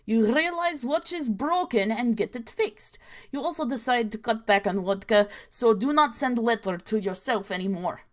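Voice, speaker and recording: Putting on a fake, inaccurate Russian accent, a woman reads parody horror tales as a deadpan narrator, skipping articles in choppy broken grammar. Her voice is a little high, her pace moderate, and the performance lightly acted.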